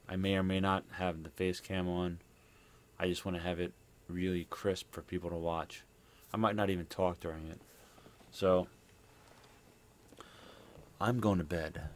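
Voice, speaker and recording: A man's voice: low-pitched, steady tone, unhurried, pauses often. A man chatting casually as he streams a video game live. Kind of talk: casual live gameplay chat.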